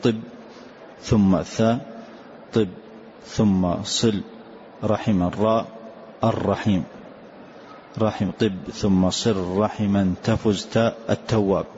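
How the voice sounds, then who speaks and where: A low-voiced older man teaches recitation rules in a calm, patient, repetitive manner, pausing to affirm his student. The recording is dull and lo-fi with a faint hiss behind him. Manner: calm, repetitive, answers with short "na'am". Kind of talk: explaining a recitation poem line by line.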